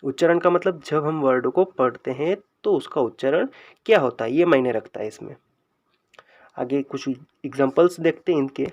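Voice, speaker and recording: A man teaching English grammar in speech, explaining slowly and drawing out example sentences word by word. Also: medium pitch, muffled recording. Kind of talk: explaining a lesson.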